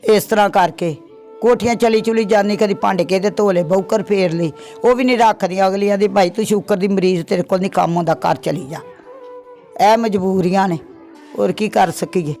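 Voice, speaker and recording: A woman's voice: medium pitch, a little mellow. A middle-aged woman from Pakistan, giving a plaintive interview testimony and repeating her complaints. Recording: faint background music.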